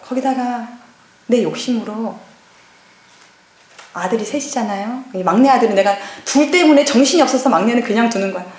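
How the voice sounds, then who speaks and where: A middle-aged woman, a pastor's wife, giving a lively personal testimony at a church seminar and acting out past conversations. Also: fairly high pitch, fairly quick, pauses often. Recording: echoey church hall.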